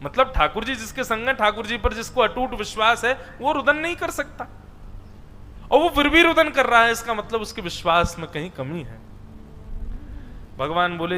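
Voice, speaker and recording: A man giving a devotional sermon, telling a sacred story with expressive emphasis and often addressing his listeners as brothers. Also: very high voice, big-room sound, slight background noise. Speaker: kathavachak preacher. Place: stage at a religious discourse.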